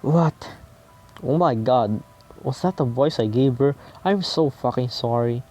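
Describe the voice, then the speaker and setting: A man's voice: mid-range voice, unhurried, darkish tone. A man playing a visual novel, reading its text aloud and breaking off into casual, profane, self-mocking commentary.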